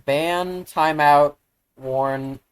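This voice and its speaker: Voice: medium pitch, extremely slow, clean tone. Rambling, self-deprecating live streamer. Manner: easily excited, bursts into loud exclamations. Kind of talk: casual live-stream gaming chatter.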